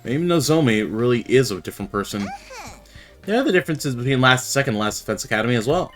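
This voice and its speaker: A man's voice: medium pitch, animated, fast, fairly bright tone, faint music behind. Man reading game dialogue aloud. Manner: reads dialogue with some faltering restarts. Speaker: streamer. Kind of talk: reading a visual novel aloud.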